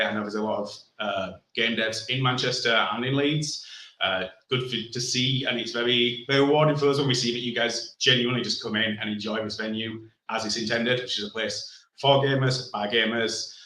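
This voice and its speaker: A man's voice: medium pitch, a little fast, pushed and bright. A man giving an informal, chatty welcome speech as a bar owner, with some hesitation. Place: indoor gaming bar. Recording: echoey bar room.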